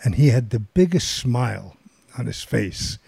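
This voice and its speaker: A man's voice: medium pitch, expressive, unhurried, gravelly, mellow, breathy edge, no echo. An older man casually telling a long, rambling anecdote as a guest, with many fillers and restarts. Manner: rambling, filler-heavy storytelling. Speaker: guest storyteller.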